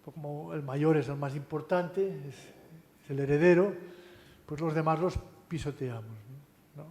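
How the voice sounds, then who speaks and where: A man giving a university lecture in a relaxed, conversational way, often adding tag questions and restarting phrases. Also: fairly high pitch, unhurried. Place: lecture hall. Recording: long hall reverb.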